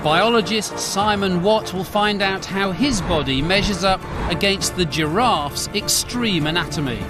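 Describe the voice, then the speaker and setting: A man's voice: high-pitched, unhurried, loud music behind the voice. A man presenting and narrating a nature documentary in a scripted style.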